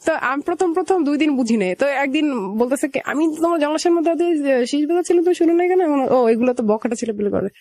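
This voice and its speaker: Her voice sits high, warm and expressive, and she races along: a young Bangladeshi-accented woman telling her personal story in a radio studio interview. She chats casually, quoting what people said back then, and the recording is dry.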